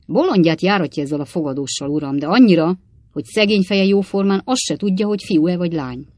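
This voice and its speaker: A woman's voice: on the low side, expressive, darkish tone, dry recording. Woman reader as chatty young manservant; familiar and gossipy; audiobook.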